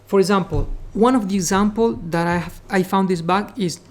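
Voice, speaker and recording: Here a native Spanish speaker from the Caribbean leads a live programming lesson in a mid-range, somewhat mellow voice at ordinary speed. His accent is Caribbean Spanish; he breaks things down step by step, leans on "okay" and "remember," and nudges students forward.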